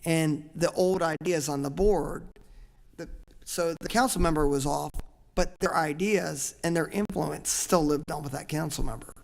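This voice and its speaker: A man's voice: on the high side, normal speed, vocal fry. A man on a charter commission, earnestly explaining his reasoning at length in a public meeting discussion. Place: large council chamber. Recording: echoey meeting room.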